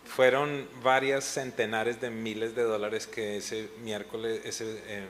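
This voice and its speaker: Slow and level, his lowish voice carries a little hiss or hum in the recording. A middle-aged pastor, he gives a testimony on a pastors' panel, telling a personal story earnestly and sometimes retelling moments when he was in tears.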